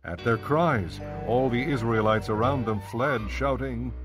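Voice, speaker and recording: A man narrating scripture in an even, measured storytelling manner, with faint music behind. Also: mid-range voice.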